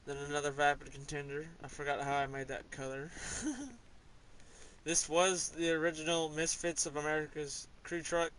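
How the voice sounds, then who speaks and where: A man's voice: on the high side, monotone, fairly quick, few pauses, fairly bright tone, slight background noise, poor audio. A man casually talking through his game car collection in a rambling, offhand way, with small hesitations. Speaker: gamer showing his garage. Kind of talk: casual gameplay commentary.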